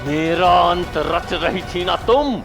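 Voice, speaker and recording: An actor playing a cruel, gloating tyrant king in a historical drama, speaking slowly and with menace. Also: high voice, expressive, full character voice. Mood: menacing. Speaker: villain king. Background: dramatic music.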